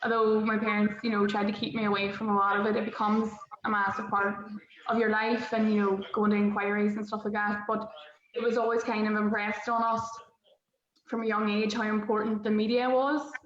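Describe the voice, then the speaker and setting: A woman's voice: medium pitch, level tone, a little fast. A woman with a Derry accent from Northern Ireland, giving a personal account in a reflective, conversational way. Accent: Derry, Northern Irish. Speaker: political correspondent. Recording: roomy, muffled, faint background noise.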